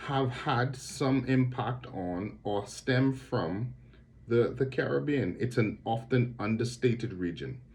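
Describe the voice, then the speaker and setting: This clip features a middle-aged theologian and lecturer from the Bahamas discussing his work on camera. He is measured and reflective, often repeating himself while looking for the right word, and his lowish voice has a slightly mellow quality.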